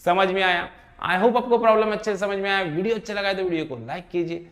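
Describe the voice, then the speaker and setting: His high, fairly bright voice moves at a quick pace as this male teacher takes students through a physics problem in steps. He often repeats and checks in, saying "है ना" and "ठीक है".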